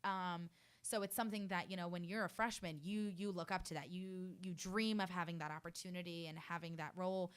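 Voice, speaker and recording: In a radio studio, a New Jersey fashion student in her early twenties tells her story for an interview. Her voice is fairly low, steady and clean, moving a little fast, and she comes across as earnest and effusive with plenty of fillers.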